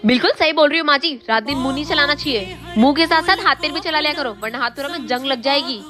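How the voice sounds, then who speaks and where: A woman's voice: sits high, fast talker, lightly acted. A woman playing an outspoken young daughter-in-law who talks back to her mother-in-law. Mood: defiant. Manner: bold and talking back. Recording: music playing behind.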